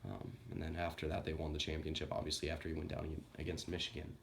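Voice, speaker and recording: A man's voice: rumbling low, monotone, fast talker, vocal fry. A young man who is sick, giving a casual, rambling college football team preview on his channel and correcting himself as he goes. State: sick, coughing. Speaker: sports YouTuber.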